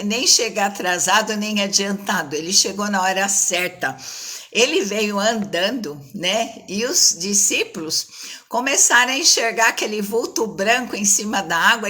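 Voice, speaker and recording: A woman's voice: medium pitch, pushed and bright. A woman giving a conversational sermon, ending many phrases with a questioning tag. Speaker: preacher.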